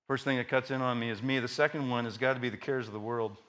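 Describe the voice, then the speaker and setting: A middle-aged man preaching a sermon, telling stories dramatically and swinging from hushed lines to shouts. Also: medium pitch, fairly even intonation, quick pace.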